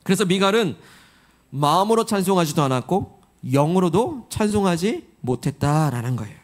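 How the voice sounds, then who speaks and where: A man with a notably high voice preaches in a church sanctuary. He speaks earnestly, drawing his congregation in with questions and call-and-response. The tone is that of a pastor leading a sermon. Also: sing-song, normal speed.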